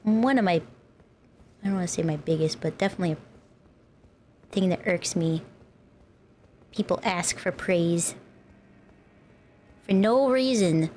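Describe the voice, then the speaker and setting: A woman's voice: on the low side, a little slow, long pauses, a little mellow, a little hiss or hum. Playful woman streamer, cute anime style. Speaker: livestreamer, VTuber host. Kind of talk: casual livestream chat while playing a game. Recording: music playing behind the voice.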